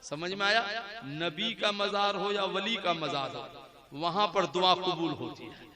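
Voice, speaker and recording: A man's voice: high voice, measured pace, pushed and bright. A man preaching a sermon to a large religious gathering, putting questions to the audience and urging them to answer back. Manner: addresses the crowd, asks them questions and calls for responses. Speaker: Islamic preacher. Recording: live with audible crowd. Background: crowd.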